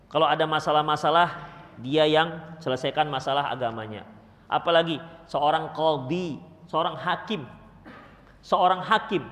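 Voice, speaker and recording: Male preacher, high lively voice, long hall reverb. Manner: animated, acts out parents and children in quotes. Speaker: Islamic preacher. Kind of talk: religious study lecture.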